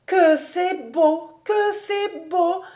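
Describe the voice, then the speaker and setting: A shy young girl from a storybook, wide-eyed and full of wonder, read by a woman who raises her voice for her. She sighs her words high and slowly, soft with awe. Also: full character voice. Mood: admiring.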